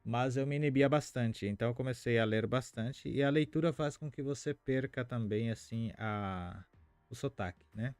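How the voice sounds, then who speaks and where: A man's voice: medium pitch, moderate pace, a little mellow, no echo, faint music behind. A man from Paraguay, whose first language is Spanish, teaching a Guarani lesson on a live stream in a chatty way, reading out viewer comments and thinking aloud with many fillers.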